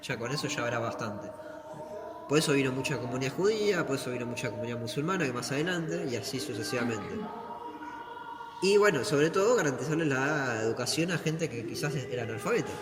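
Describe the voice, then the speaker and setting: In an echoey museum hall with loud background noise, a tour guide with an Argentine accent speaks in an expressive, medium-pitched voice, fairly quickly. He explains as he leads visitors, asking questions and supplying the answers himself.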